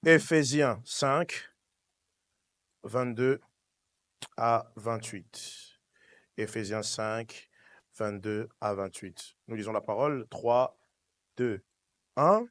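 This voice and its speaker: Drawing out his words and leaving long pauses, a Swiss pastor with a fairly low, fairly bright voice addresses his congregation in church. His call-and-response sermon is emphatic and repetitive, captured in a dry recording.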